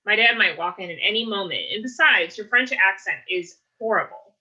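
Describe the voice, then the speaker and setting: A woman reading aloud, voicing a chirpy, lively young woman at an office desk. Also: mid-range voice, moderate pace, rough recording. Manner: chirpy, flustered.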